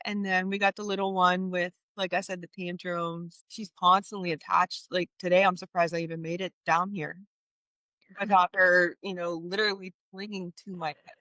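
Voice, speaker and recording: Brief: thirties mom guest, animated and laughing, crisp bright tone. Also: female voice, mid-range voice, no echo. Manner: animated, laughing, many restarts. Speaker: podcast guest. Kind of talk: candid storytelling chat.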